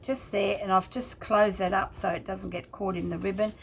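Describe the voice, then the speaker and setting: A woman hosting a craft channel, talking casually and haltingly as she explains and shows each detail in a chatty walkthrough. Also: medium pitch, little pitch movement, gravelly, a little hiss or hum. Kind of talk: casual craft flip-through narration.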